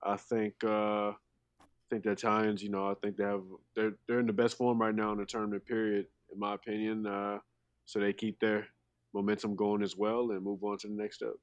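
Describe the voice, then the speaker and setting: A man giving soccer predictions on a podcast, hesitant and measured. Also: fairly low pitch, flat delivery, no echo. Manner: hesitant, measured, full of fillers. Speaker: podcast guest pundit. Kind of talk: casual chat.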